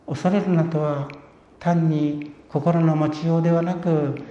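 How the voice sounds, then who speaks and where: A man preaching a sermon in an earnest, measured way. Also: fairly high pitch, fairly even intonation, mellow. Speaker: pastor. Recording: echoey room, dull lo-fi sound.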